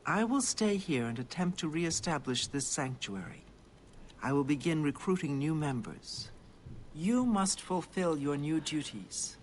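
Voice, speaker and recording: An actor playing a devoted, deferential servant and guide of assassins in a video game, speaking formally and reverently. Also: male voice, a little high, expressive, a little slow, slight background noise. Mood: earnest, instructive. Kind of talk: video game character acting.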